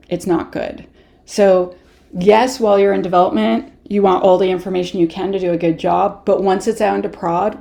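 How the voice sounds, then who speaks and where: A woman's voice: lowish voice, vocal fry, warm tone. A woman with a Canadian accent presenting a live online workshop, chatty, laughing often and answering viewer questions as she goes.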